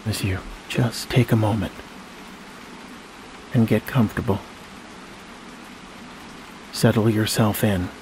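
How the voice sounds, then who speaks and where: Guiding listeners toward sleep through hypnosis, a man speaks in a low, even tone. He's slow and soothing, leaving long pauses between phrases, while a steady rain-like noise sits behind his voice.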